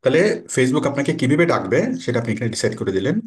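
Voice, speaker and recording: A man's voice: mid-range voice, animated, very fast. A man teaching a screen-recorded tutorial, explaining step by step and reading out English menu labels. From Bangladesh. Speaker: online course instructor.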